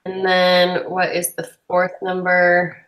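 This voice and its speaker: A young woman talks on a video call, chatty and full of questions as she works through homework problems. Her voice sits a bit low for a woman. The room around her mic sounds echoey. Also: monotone, slow, fairly bright tone. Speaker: student in a study group. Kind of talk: casual chat while working problems. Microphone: computer mic on a video call.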